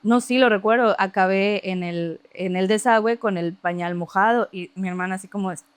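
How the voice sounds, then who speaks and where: A woman telling a story from her childhood in casual, lively conversation, laughing often and imitating other people's voices. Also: mid-range voice, moderate pace, clear, resonant tone, no echo. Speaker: podcast guest.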